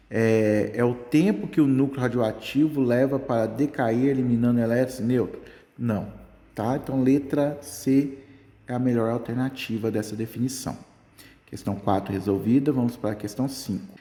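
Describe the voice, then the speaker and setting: A man's voice: medium pitch, mellow. A man teaching a casual Brazilian Portuguese physics lesson, checking in with the class at nearly every step. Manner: chatty, keeps checking in with "tá?". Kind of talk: casual exam-prep lesson. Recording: echoey room with long reverb.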